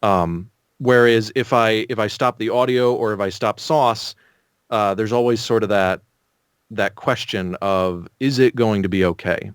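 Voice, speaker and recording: A man giving casual, explanatory answers as an interview guest, thinking aloud with measured pauses. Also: fairly low pitch, clean tone, no room sound, clean studio sound.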